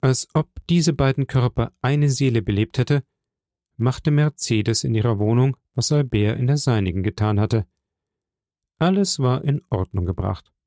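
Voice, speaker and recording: A man narrates a classic novel in a measured, dramatic way. His voice is dark and mellow with a gravelly edge. The recording is dry and close. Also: mid-range voice, dry recording. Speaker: audiobook reader.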